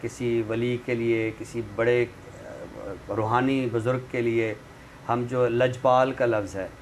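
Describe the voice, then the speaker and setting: As a guest expert and literary commentator on a talk show, a man with a Pakistani accent explains language and literature didactically, giving examples. He speaks slowly in a steady, medium-pitched voice, with background noise clearly present.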